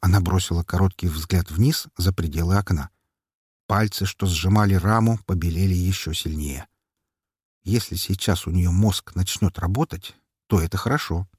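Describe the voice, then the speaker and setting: A man narrating a first-person audiobook in an expressive, tense storytelling manner. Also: deep voice, normal speed, husky, dry recording, studio quality.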